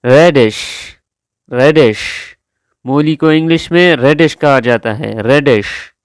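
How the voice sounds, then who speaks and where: With a mid-range, clear and resonant voice, a male English vocabulary teacher, Urdu by first language, works deliberately through each word. The drills are slow and drawn-out, and the studio-quality recording has no room sound.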